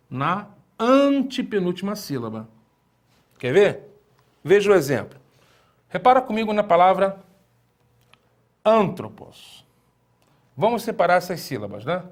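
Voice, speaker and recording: This Greek teacher, a man with a fairly high voice, gives a language lesson at a relaxed pace. He explains things patiently, asks the viewer rhetorical questions, and slowly repeats key words to stress them.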